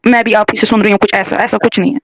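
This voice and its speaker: A woman's voice: medium pitch, fairly even intonation, no echo. A woman from Kashmir, calling in to a heated debate and answering defensively and emotionally. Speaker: caller.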